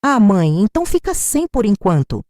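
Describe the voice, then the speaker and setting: A woman's voice: medium pitch, very animated, moderate pace, a little mellow, no echo, clean studio sound, close to an everyday voice. A woman voicing a curt, impatient adult daughter who brushes off her mother. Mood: dismissive. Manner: dismissive, brusque.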